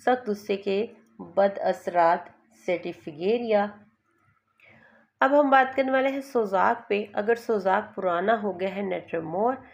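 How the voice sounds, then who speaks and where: A woman with a gravelly, fry-edged voice presents homeopathic remedies. She reads steadily through item after item, with a slip now and then. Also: mid-range voice. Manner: steady list-reading with small slips. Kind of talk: reading a list of remedies.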